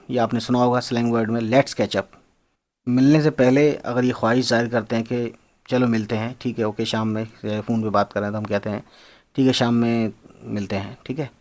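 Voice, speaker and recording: A man teaching English slang words, spelling them out and repeating them in a casual explanatory lesson. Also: medium pitch. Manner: spells words out and repeats phrases, addresses viewers as friends.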